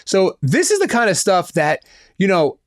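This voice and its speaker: A man's voice: high-pitched, wildly swooping pitch, normal speed, no echo. A man co-hosting a casual podcast, talking loosely with lots of fillers and restarts. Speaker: podcast co-host.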